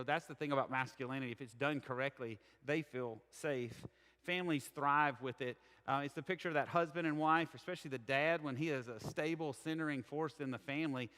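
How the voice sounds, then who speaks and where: A man's voice: mid-range voice, fairly bright tone, clean tone. Southern man preaching in an echoey church. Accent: Southern American. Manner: conversational, candid and earnest. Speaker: pastor. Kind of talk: sermon. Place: church sanctuary.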